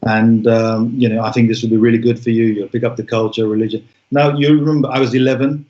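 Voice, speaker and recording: A man's voice: medium pitch, level tone, fast, warm tone. Reflective man in an echoey room. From Bangladesh. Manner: reflective, frequent ums and restarts. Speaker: guest. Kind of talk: interview conversation. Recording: echoey room, dull sound.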